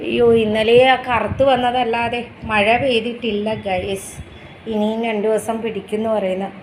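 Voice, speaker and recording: A woman's voice: a little high, flat delivery, moderate pace, slight background noise, rough recording. A middle-aged woman chatting in a home vlog, coaxing her pet dog in baby talk. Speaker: vlogger. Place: home indoors.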